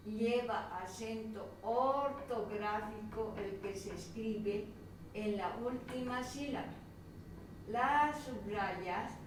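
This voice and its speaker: Speaking at a medium pitch, this woman teacher with a Colombian accent takes a pupil through a grammar worksheet item by item, patiently repeating and pointing as she goes. The slow lesson is picked up off-mic from a distance, in a very echoey room with a little background noise.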